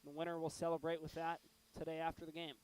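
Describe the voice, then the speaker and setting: A man with a sore throat announcing live from an arena broadcast booth, talking in a monotone. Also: fairly high pitch, fast talker, smooth, rough recording. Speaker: play-by-play announcer.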